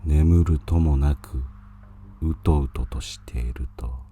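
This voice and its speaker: Hushed, very dark-voiced man narrating ghost story. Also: very deep voice, takes it slowly, soft background music. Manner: hushed, eerie, solemn.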